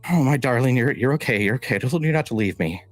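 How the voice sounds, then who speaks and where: A man's voice: medium pitch, animated, quick pace, no room sound, soft background music, voice pushed up, natural voice. A man voicing an anxious, tender halfling mother who fusses and soothes. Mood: relieved, scolding. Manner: fussing, soothing.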